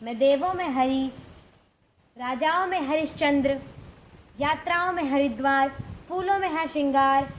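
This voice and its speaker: A woman's voice: sits high, moderate pace, long pauses, slight background noise, lightly acted. A woman playing a proud, quarrelsome male letter of the alphabet who brags in a school stage play. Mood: boastful. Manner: bragging, challenging.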